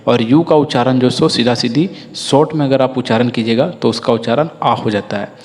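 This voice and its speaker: A man's voice: mid-range voice, brisk. A man teaching a phonics lesson, who explains patiently, drills word lists and asks listeners to repeat after him. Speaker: English teacher. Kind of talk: classroom-style phonics lesson. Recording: long hall reverb.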